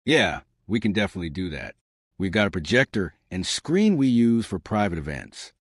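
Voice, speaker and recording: A cheerful, accommodating restaurant manager, as a male narrator puts him on, a little brighter than the storyteller's own voice. The voice stays lively and rises in pitch when he asks something. The recording is dry and close. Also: normal speed, husky, no echo, exaggerated voice. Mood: friendly.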